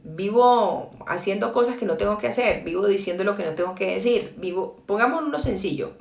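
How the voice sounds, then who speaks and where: Earnest woman preacher, gravelly, echoey room. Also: medium pitch, expressive, a little fast. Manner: earnest, acts out prayers and self-pity in quotes. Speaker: devotional preacher. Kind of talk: devotional talk.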